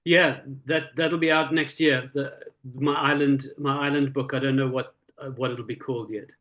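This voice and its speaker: A man, an author being interviewed, speaking in a dry, deadpan way with halting, repeated words. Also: medium pitch, lo-fi sound. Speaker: novelist guest. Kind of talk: casual interview chat.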